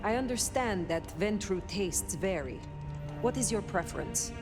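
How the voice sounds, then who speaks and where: A woman's voice: mid-range voice, lively intonation, normal speed, over music, close to an everyday voice. An actress playing a composed, businesslike old vampire in a video game, formal and terse in her questions. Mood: composed, questioning. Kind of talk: video game dialogue acting.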